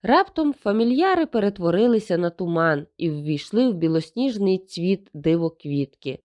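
A woman's voice: on the low side, sing-song, moderate pace, a little mellow. Woman narrating a fantasy audiobook. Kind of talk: scripted narration.

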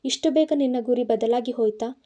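A woman's voice: a little high, a little fast, dark tone, natural voice. A woman reading the part of an angry, protective young man in an audiobook, scolding and insistent. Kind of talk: audiobook narration.

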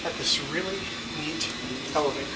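A man's voice: a little high, fairly quick. A man filming and explaining an elevator ride in an eager, pointing-things-out way, speaking into a handheld camera inside a small cab. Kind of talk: casual guided walkthrough. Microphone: handheld camera mic. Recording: roomy, distant, loud background noise.

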